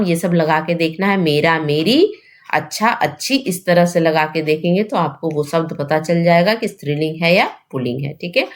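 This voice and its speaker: Woman teaching grammar, asks and answers herself. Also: medium pitch. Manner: explains step by step, asks and answers her own questions, often adds a tag question. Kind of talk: exam-prep grammar lesson.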